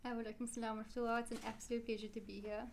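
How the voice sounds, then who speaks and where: This Quran teacher from South Africa talks very fast in a fairly high voice with little pitch movement. As an interview guest, she rambles chattily and keeps correcting herself, with a little hiss or hum behind her.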